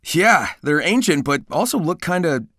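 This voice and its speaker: A man's voice: a little high, sing-song, normal speed, fairly bright tone, dry recording, clean studio sound. A man voicing a cocky, upbeat young hedgehog speedster in a video game, with a breezy, wisecracking and confident way of talking. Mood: warm, reassuring. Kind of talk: animated video game dialogue.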